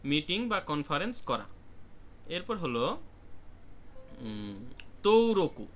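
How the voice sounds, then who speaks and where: A man with a Bangladeshi accent teaches Japanese vocabulary in an online class, explaining each word and calling on students. His voice is fairly high, bright and forceful, with slight background noise.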